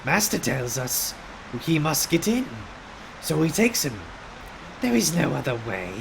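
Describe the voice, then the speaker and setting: An actor voicing a small, wretched, fawning creature in a game, with a strained hissing voice and pleading broken speech. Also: male voice, on the high side, sing-song, measured pace, vocal fry, heavily acted. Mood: evasive, anxious. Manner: broken grammar, pleading, repeats words.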